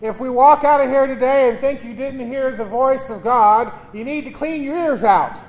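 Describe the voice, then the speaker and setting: High-voiced priest in cathedral echo. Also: male voice, moderate pace. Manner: earnest preaching with homely jokes. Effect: long cathedral-like reverb. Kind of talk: Mass gospel reading and homily. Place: large church. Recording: echoey church hall.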